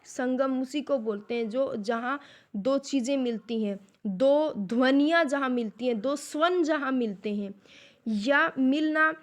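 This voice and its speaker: Slow, high-voiced woman lecturing. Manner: slow, deliberate teacher's explanations with rhetorical questions. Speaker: Hindi literature lecturer. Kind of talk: classroom lecture.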